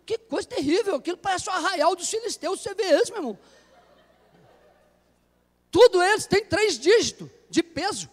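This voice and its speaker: A Brazilian man, a pastor, preaching a sermon in a church in an animated way full of jokes. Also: extremely high pitch, normal speed, pauses often. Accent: Brazilian Portuguese. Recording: long church hall reverb.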